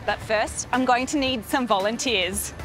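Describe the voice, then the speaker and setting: Background music runs under this low-quality recording of a woman with a slightly high voice, speaking a little slowly. She hosts a science documentary, chatting with volunteers beside a beach and in a parked bus, and her explanations are clear, warm, and upbeat.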